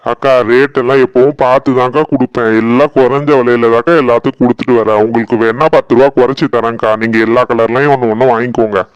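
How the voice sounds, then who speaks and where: A chatty young street vendor, put on by a man with a Tirunelveli Tamil accent, calling out to customers and flattering them. The voice is clear and smooth, recorded dry for a cartoon. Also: medium pitch, quick pace, few pauses, no room sound, lo-fi sound, lightly acted. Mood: cheerful. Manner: chatty, flattering sales patter. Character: friendly young male street vendor, eager to sell.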